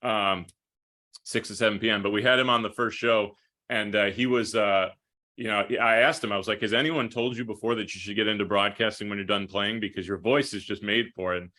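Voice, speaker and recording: This upstate New York man calls hockey games play-by-play for a living, and here he gives long, thoughtful, detailed interview answers in a conversational way. His voice sits lowish, with fairly even intonation, a slightly fast pace, and a pushed, bright quality.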